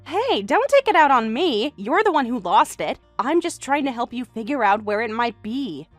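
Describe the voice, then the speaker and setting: A woman playing a calm, level-headed older sister. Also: on the high side, moderate pace, no echo, faint music behind. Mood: firm. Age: late 30s. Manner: calm, reasoning, firm when pushed. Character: composed older sister, single, near forty. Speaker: character in a voiced text story. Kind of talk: voice acting for a text-message story.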